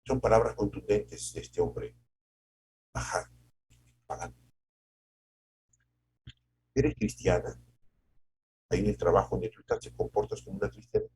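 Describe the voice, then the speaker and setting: A man preaching a devotional sermon as a pastor, conversational with tag questions, moving between loud emphasis and soft asides. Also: lowish voice, a little slow, pauses often, slight background noise.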